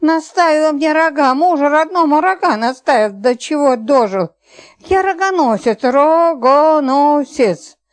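A woman's voice: sits high, measured pace, pitched above the performer's own voice. A woman voicing a drunken middle-aged husband who bellows from the next room. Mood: roaring. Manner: drunken roaring.

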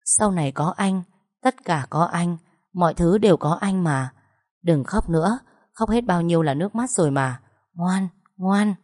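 Brief: woman voicing a gentle storybook man who comforts his partner, low and soothing. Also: animated, measured pace, no room sound, clean studio sound. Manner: soothing, reassuring. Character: tender protective man comforting his crying lover.

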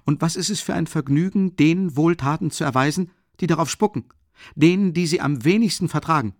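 A man's voice: a little high, brisk, no room sound, studio quality, pitched above the performer's own voice, natural voice. A man reading an audiobook, voicing a sick, bitter young man who pleads to be left alone. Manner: quiet at first, then frantic pleading.

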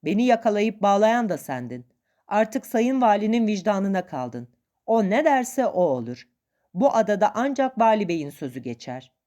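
A woman's voice: medium pitch, very animated, normal speed, dark tone, close to an everyday voice. A woman voicing a stern ship captain who gives orders to mutineers.

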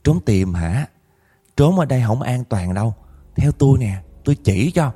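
A man's voice: medium pitch, lively intonation, moderate pace, mellow, husky, voice pushed up. A man with a Southern Vietnamese accent voicing a vicious female ghost, who whines when begging for mercy and coaxes slyly when luring a child. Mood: coaxing. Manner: whiny pleading and sly coaxing.

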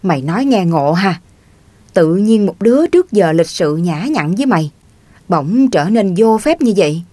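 A woman's voice: medium pitch, big pitch swings, moderate pace, warm tone, no room sound. A woman reading the part of a touchy, stubborn grown man from the countryside who grumbles defensively. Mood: grumbling.

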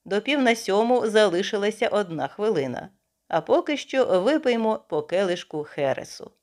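A woman reading the part of a composed, cheerful older hostess in an audiobook, brisk in manner. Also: mid-range voice, lively intonation, darkish tone, close to an everyday voice.

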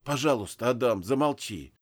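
A man voicing a tearful young woman who pleads softly, almost in a whisper. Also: medium pitch, expressive, moderate pace, close to an everyday voice. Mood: pleading.

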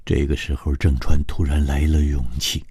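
A man narrating a long broadcast story in a suspenseful, measured way. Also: extremely low pitch, level tone, dark tone, husky, no echo.

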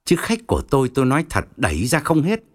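A man's voice: medium pitch, wildly swooping pitch, fast talker. A man voicing a boastful, menacing male feng shui master in an audiobook. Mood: solemn warning. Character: smooth-talking middle-aged male feng shui swindler. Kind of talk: audiobook reading.

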